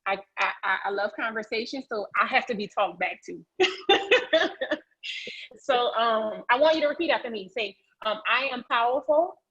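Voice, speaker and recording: A real estate agent leads a motivational training session over a video call, chatty and folksy as she encourages people to take part. Her voice is on the high side, fairly bright and husky, at normal speed, with dull, muffled call audio.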